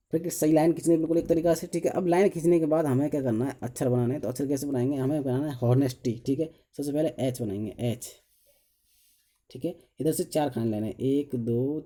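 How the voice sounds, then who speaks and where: A man's voice: medium pitch, mellow. A man teaching an engineering drawing lesson step by step. He counts lines aloud as he draws, says 'okay' after nearly every step, and asks himself questions before answering them. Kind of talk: step-by-step tutorial while drawing.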